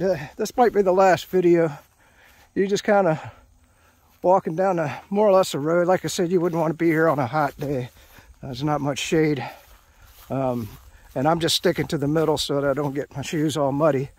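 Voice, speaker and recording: A man's voice: fairly high pitch, fairly even intonation, moderate pace, long pauses, darkish tone, no echo. A middle-aged man narrating a hike on camera while walking an outdoor trail, chatting casually with many fillers and restarts. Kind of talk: casual hiking commentary to camera. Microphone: handheld action camera, off-screen narrator.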